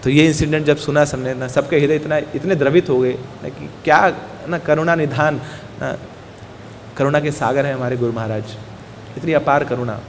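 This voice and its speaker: High-pitched guy telling temple stories, acts out the quotes, echoey hall. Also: normal speed, a little hiss or hum. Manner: animated storytelling, acting out the guru's quoted words, mixing Hindi and English. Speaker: temple speaker. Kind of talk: devotional storytelling talk.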